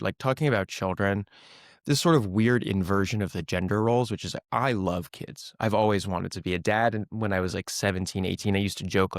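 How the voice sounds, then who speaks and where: Chatty low-voiced male podcast host. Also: dry recording, studio quality. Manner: chatty and opinionated, many "like"s. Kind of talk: interview conversation.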